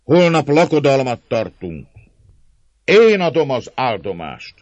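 A man's voice: mid-range voice, sing-song, a little mellow, no echo, voice pushed up, natural voice. A man doing a commanding rebel leader. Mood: proclaiming. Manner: proclaiming, commanding. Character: commanding male peasant army leader. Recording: dull lo-fi, dry sound.

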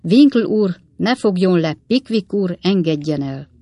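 A woman's voice: fairly low pitch, animated, warm tone, no echo, clean studio sound. A woman voicing a hot-tempered, stout old male country host who barks commands in a storybook reading. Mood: blustering. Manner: blustering, commanding.

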